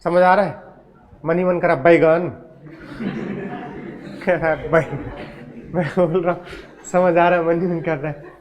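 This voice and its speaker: In a classroom physics lecture, a Hindi-accented man keeps firing questions at his students and teasing them. His fairly high voice is flat in delivery and at normal speed.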